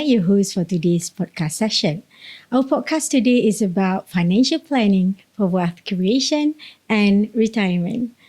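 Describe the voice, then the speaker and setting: A woman's voice: medium pitch, dark tone. A woman hosting a university podcast interview, asking rhetorical questions in a polite, formal way. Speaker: podcast host.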